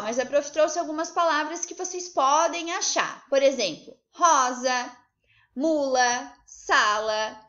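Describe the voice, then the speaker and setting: A woman teaching a remote class to young children, lively and coaxing, asking many questions. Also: sits high. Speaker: primary school teacher. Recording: slightly dull lo-fi recording.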